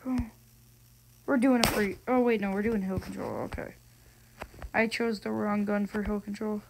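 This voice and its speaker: A gaming video host giving casual, excitable gameplay commentary, slangy and given to frustrated exclamations, on a noisy recording with clicks. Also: medium pitch, normal speed, vocal fry.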